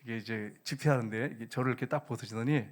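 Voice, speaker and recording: A man's voice: medium pitch, fast talker. A man preaching a sermon as pastor, often turning to the congregation with questions. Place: church service.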